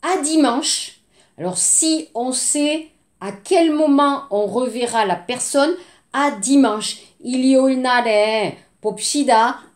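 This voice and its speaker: High-voiced teacher, echoey room. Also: female voice. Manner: slow, deliberate modeling of phrases, switching into Korean. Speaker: French teacher. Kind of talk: language lesson for Korean learners.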